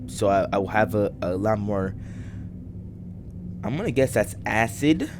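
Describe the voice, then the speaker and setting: A man's voice: on the low side, expressive, music in the background. Groggy young man rambling over gameplay. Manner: rambling, halting, many fillers and restarts. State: groggy morning voice. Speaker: gaming channel host. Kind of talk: casual let's-play commentary.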